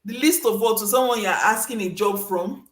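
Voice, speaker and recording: A woman hosting a casual advice talk, emphatic and animated, acting out little scenes with sudden high voices. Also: moderate pace, reverberant. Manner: emphatic, repeats for stress. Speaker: host giving career advice.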